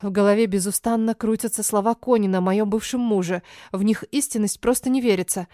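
A woman narrating a first-person novel as an audiobook, expressive and acting out the dialogue. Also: mid-range voice, fairly quick, dry recording, clean studio sound.

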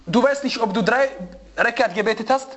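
The recording is muffled, but the man's voice comes through very high-pitched, fairly quick, and a bit bright as he teaches a religious lesson. Emphatic and repetitive, he keeps asking rhetorical questions and now and then searches for a word.

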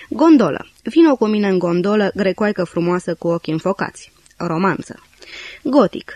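Measured woman reading a dictionary aloud. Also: mid-range voice, a little mellow, no echo. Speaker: audiobook narrator. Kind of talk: scripted audiobook reading.

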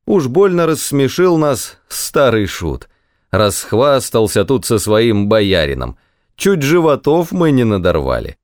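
A man's voice: mid-range voice, very animated, measured pace, dry recording, studio quality, pitched above the performer's own voice. A man voicing an insolent, mocking archer captain in an audiobook story. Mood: fawning. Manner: sneering, laughing, mocking.

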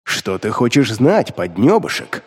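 A deep, scornful demon drawls slowly and grumbles with contempt, as a male narrator puts him on in an audiobook. His pitch rises and falls with feeling, and a long reverb trails behind the voice. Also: very animated, breathy edge, exaggerated voice. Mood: scheming. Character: contemptuous male demon voice inside the hero's head.

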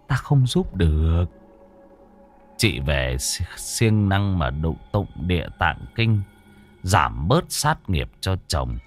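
A man voicing a calm old temple monk. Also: low voice, exaggerated voice.

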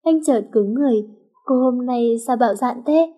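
A woman's voice: fairly high pitch, normal speed, mellow. A woman narrating an audiobook story who speaks to her listeners directly.

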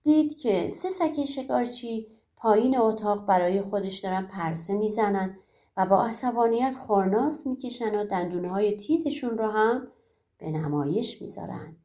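راوی زن با صدای گرم و ملایم. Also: female voice, mid-range voice, mellow. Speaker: audiobook narrator. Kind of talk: storytelling narration.

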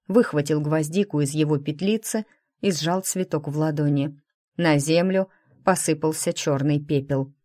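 A woman reads a first-person novel aloud in an even, expressive way. Her voice sits low. The recording is close and dry, with no room sound. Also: no echo. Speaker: audiobook narrator. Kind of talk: first-person audiobook narration.

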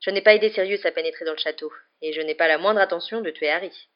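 A woman reading a calm, weary male wizard teacher. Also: on the low side, fast talker, dull audio, lightly acted. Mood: restrained. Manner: calm, restrained emotion.

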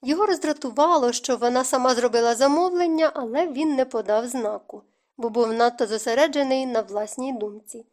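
A woman reads a novel aloud in a measured, even storytelling manner. Her voice sits fairly high, and she sounds like a typical audiobook narrator. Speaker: audiobook reader.

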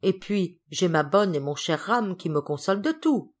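A woman's voice: fairly low pitch, lively intonation, moderate pace. A woman doing an eager, timid little girl. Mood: pleading. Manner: pleading, eager.

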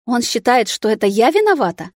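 A woman's voice: a little high, sing-song, fairly quick, dry recording, voice pushed up. Woman doing a weepy, offended mom, dramatic and plaintive, dry close audiobook sound. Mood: plaintive, indignant. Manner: exclaiming, plaintive. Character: offended middle-aged mother, tearful and dramatic.

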